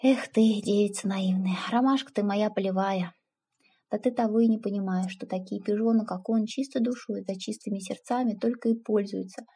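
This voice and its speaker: A woman's voice: mid-range voice, fairly even intonation, moderate pace, dark tone, slightly rough. A woman voicing a blunt, stubborn older village aunt who scolds and mocks in folksy speech. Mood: scolding.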